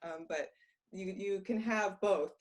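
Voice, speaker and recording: A woman's voice: mid-range voice, takes it slowly. A woman cooking instructor talking cheerfully and casually with her audience on a video call. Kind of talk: casual online talk.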